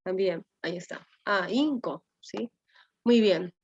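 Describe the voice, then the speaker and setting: Over a video call, a woman with a Peruvian Spanish accent lectures a language class, walking through each step and regularly checking in with "¿no?". Her medium-pitched voice is slow and gravelly with a breathy edge, and the lo-fi audio sounds slightly dull.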